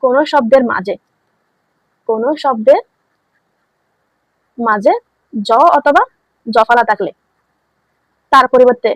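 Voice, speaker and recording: High-voiced woman teaching grammar. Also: takes it slowly, long pauses, no room sound, low-quality recording. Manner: asks students questions then answers them herself; repeats key words for emphasis. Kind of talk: online classroom lesson.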